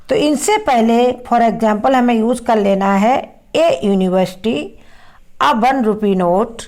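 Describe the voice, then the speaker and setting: Slow, careful woman teaching grammar. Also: on the high side, darkish tone. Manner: slow, deliberate when reading English examples, quicker in Hindi explanation. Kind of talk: grammar lesson in Hindi and English.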